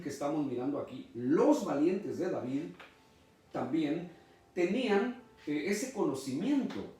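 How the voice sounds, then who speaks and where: Middle-aged male pastor, emphatic sermon delivery, animated intonation, roomy and distant recording. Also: a little high. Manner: emphatic, preacherly. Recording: echoey room, mic far off.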